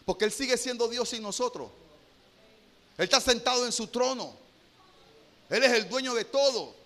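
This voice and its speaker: Male pastor, high and bright voice, preaches with rhetorical questions, hushed storytelling rising to loud exhortation. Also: moderate pace. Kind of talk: sermon.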